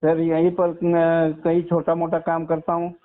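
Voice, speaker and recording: Speaking a little slowly in a monotone, a man with a slightly high voice tells a personal story as a caller on a tinny narrowband phone line. He's sixty-one, a former soldier from Maharashtra, India, and keeps deferentially saying sir.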